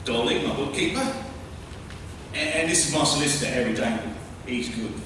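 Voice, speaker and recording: A man's voice: medium pitch, fairly quick, close to an everyday voice. A man playing a blustering, shifty father in a farcical stage comedy. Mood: flustered. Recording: echoey hall, distant mic, clear noise.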